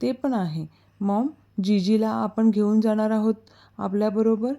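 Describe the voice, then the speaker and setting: A woman's voice: medium pitch, fairly even intonation, a little slow, creaky, mellow. A woman voicing a protective young man who gives firm, caring orders, in a storybook reading.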